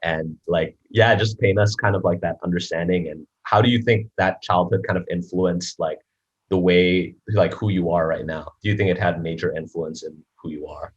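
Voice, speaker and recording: A man's voice: low voice, fairly even intonation, moderate pace, breathy edge. A male podcast host asking casual, rambling questions full of "like" fillers, on a dull lo-fi recording. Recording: dull lo-fi sound.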